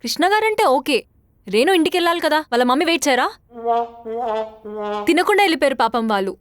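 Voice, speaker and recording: A woman's voice: sits high, sing-song, quick pace, no echo, faint music behind. An actress playing a blunt young woman who scolds her roommate. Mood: scolding.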